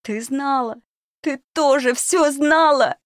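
A woman voicing a furious young girl in a storybook, hissing and shrill, pitched far above her own voice. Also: slow, no echo, clean studio sound.

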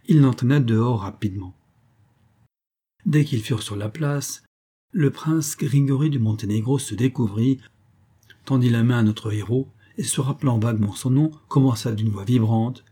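Husky man reading a classic novel. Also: medium pitch, normal speed, warm tone. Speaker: audiobook narrator. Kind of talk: scripted narration.

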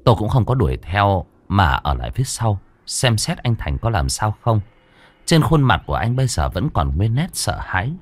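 A man reading a horror story aloud in a dramatic, expressive way. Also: fairly low pitch, dry recording. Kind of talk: scripted horror story narration.

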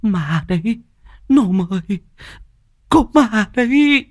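A man doing a frantic old grandmother, pitched high above his own voice and swinging wildly up and down as she stammers. The recording is close and dry. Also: lively intonation, slow pace, no room sound, full character voice. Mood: terrified wailing. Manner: shrill stammering wail.

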